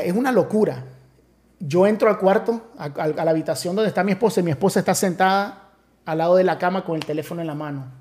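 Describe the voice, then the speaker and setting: Pastor recounting his conversion, warm low tone, stop-start storytelling. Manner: storytelling with many restarts, acts out quoted voices. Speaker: pastor, podcast guest. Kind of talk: emotional personal testimony.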